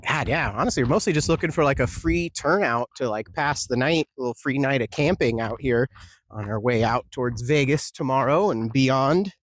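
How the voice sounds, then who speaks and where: A man's voice: mid-range voice, moderate pace, no room sound. A young man hosting a casual travel vlog, talking in a loose, chatty way and getting openly impressed by the sights. His voice sounds dry and close, with little room around it. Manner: relaxed, chatty, easily impressed. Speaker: travel vlogger. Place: desert campsite and caves outdoors.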